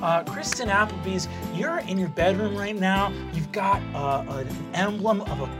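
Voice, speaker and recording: A woman's voice: medium pitch, lively intonation, normal speed, over music. A woman narrating a tabletop game as game master, rambling with lots of fillers. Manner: rambling, many fillers and restarts.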